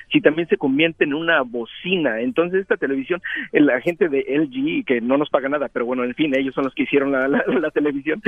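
A man's voice: a little high, no echo. Man, call-in field reporter, chatty, enthusiastic, tinny phone line, dry. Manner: chatty, enthusiastic, joking asides.

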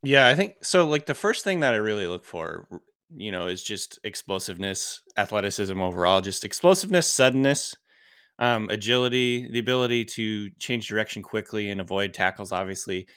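A man's voice: lowish voice, animated, a little fast, a bit bright, smooth, no room sound, studio quality. A man talking casually as a podcast guest and analyst, informal, peppering his talk with "like" and "you know".

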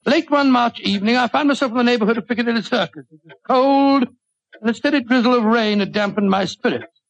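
An actor playing an older, avuncular British doctor who reminisces in a wordy, genial 1940s radio drama style. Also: male voice, very high voice, fast talker. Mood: dramatic narration. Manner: avuncular, wordy, chuckling storyteller. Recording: dull old-time radio recording.

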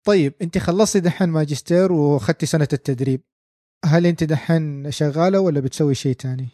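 A man's voice: on the high side, fast talker, mellow, dry recording, clean studio sound. A man co-hosting a casual podcast interview, asking direct follow-up questions. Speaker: podcast co-host.

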